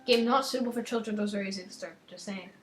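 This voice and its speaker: A young gaming channel host with a slight lisp chats casually, reads the game's text out loud and often lets her lines drift off quietly. She talks fast in a mid-range voice. The room is echoey, with soft background music.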